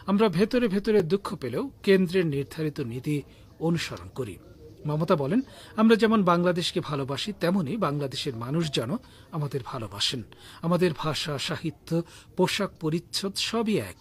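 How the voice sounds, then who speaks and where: A man reading the radio news in a measured, formal delivery. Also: a little high, slightly rough. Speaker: news reader.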